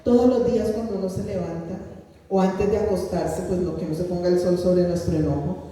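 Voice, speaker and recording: A woman's voice: on the low side, steady tone, a little fast, dark tone. A woman guest pastor preaching a sermon and telling a personal testimony, acting out the voices of the people in her story. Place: church hall. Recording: echoey hall from far off.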